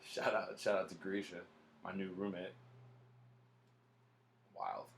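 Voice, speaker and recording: A man's voice: low-pitched, slow pace, vocal fry, slight background noise. A man hosting a casual podcast, talking bluntly and swearing a lot. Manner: profane, blunt and animated. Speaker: podcast host.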